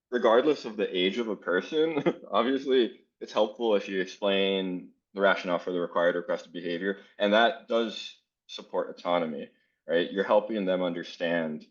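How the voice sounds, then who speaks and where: The speaker, an educator from South Florida, leads a teachers' workshop at a conference in a voice that runs very low. Earnest and relaxed, he often fills gaps with "um," and the recording has a dull, lo-fi video-call quality.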